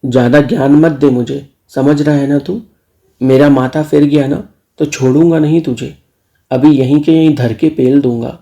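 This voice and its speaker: Male narrator as a bossy teasing uncle, low and dark in tone. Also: steady tone, normal speed, highs cut off, natural voice. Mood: scolding. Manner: teasing, scolding.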